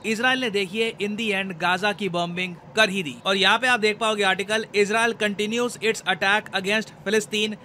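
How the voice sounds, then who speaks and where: A man's voice: high-pitched, steady tone, measured pace, few pauses, sharp tone, slight background noise. A man explaining current affairs to viewers in a conversational, code-mixed lecture style. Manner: Hindi-English code-mixing, conversational explaining.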